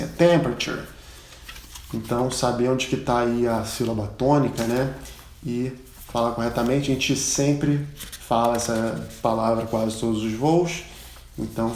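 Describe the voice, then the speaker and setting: A Brazilian man, a pilot, giving a casual spoken lesson, chatty and full of anecdotes, repeating the words he teaches loudly. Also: medium pitch, roomy sound, slight background noise. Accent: Brazilian Portuguese. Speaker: pilot and aviation English instructor.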